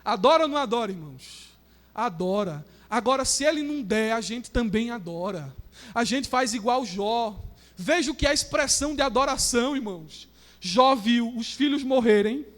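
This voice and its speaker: A male preacher delivers an impassioned sermon in church. His voice sits very high for a man. He moves from near-whispers to full shouts and acts out the people he quotes. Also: lively intonation, moderate pace. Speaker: pastor.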